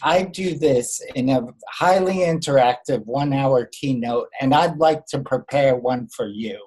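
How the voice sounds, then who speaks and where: A man with unusual, impaired-sounding speech delivering a rehearsed first-person pitch as a keynote speaker on a video call. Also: unhurried, a little mellow, slightly rough, low-quality recording. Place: online group video call.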